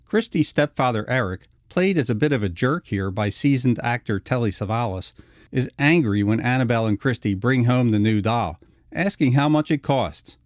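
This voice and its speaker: A man's voice: medium pitch, animated, moderate pace, dry recording, clean studio sound. A man narrating a scripted retrospective video essay.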